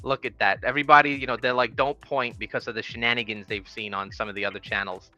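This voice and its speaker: A man's voice: mid-range voice, steady tone, fast talker, music in the background. Upbeat joking New York man hosting. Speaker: host. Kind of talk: casual livestream interview.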